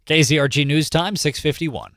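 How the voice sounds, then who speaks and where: A man's voice: a little high, normal speed, fairly bright tone, a little hiss or hum. Joking, chatty male radio news host. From California. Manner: chatty and jokey, explains things by repeating himself. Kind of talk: casual talk radio news. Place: radio studio. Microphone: studio microphone.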